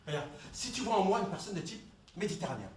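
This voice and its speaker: A man's voice: high-pitched, big pitch swings, quick pace, darkish tone, slight background noise. A man in a comedy sketch dialogue, talking in an insistent, explaining way and laughing easily. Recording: echoey room, distant mic.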